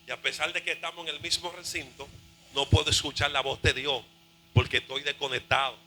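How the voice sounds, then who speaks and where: A man voicing the old priest Eli as a drowsy, grumbling old man, speaking low and muttering. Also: little pitch movement, a little fast, sharp tone, rough recording. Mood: lamenting.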